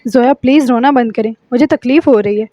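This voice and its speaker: An earnest young man pleads and later snaps curtly, as a woman reads him aloud from a novel. The voice sits high and light. The sound is dry and close. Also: no echo, highs cut off, lightly acted. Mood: pleading. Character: young man, pleading, then curt and harsh. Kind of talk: audiobook novel reading.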